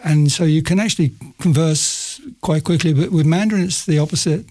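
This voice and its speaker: A middle-aged man, appearing as an interview guest, tells casual stories about his career in a loose way, interrupting himself and laughing frequently. His voice is a little high and darkish, and he talks fairly quickly.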